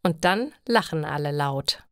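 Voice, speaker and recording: Brief: woman storyteller for learners, deliberate reading, dry studio sound. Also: sits low, lively intonation, no echo. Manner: slow, clear, deliberate reading. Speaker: narrator. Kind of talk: scripted narration for language learners.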